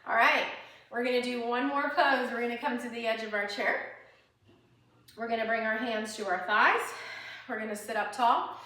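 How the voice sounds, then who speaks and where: A woman leads a chair yoga class, talking her students through each move with breath cues and an easygoing laugh. Her voice is bright and a touch high. It rings in an echoey room, picked up from some distance away. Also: fairly even intonation, normal speed, pauses often. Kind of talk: guided exercise instruction.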